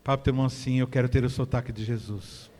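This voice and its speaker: A man, preaching in an animated, conversational sermon that builds to shouting. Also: mid-range voice, fast talker. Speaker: pastor. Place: church hall. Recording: echoey church hall.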